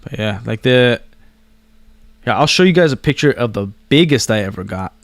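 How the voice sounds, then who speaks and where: With an expressive mid-range voice at a moderate pace, this vlogger chats in a rambling, slangy way to viewers, poking fun at himself as he goes. He learned English after another first language, having been born abroad and moved to the US as a child. The recording is dry.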